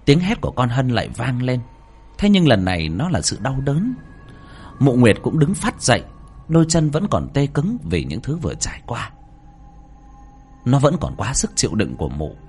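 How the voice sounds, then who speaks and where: Husky male horror storyteller. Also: medium pitch, huge pitch swings, moderate pace, darkish tone. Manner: dramatic, swinging delivery. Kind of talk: scripted horror narration. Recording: faint background music.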